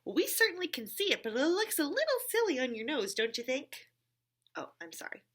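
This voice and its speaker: A woman leads a church story time for young children, chatting with a puppet companion in simple, encouraging language and often checking in with questions. Her high-pitched voice is very animated, fairly quick, and a bit bright.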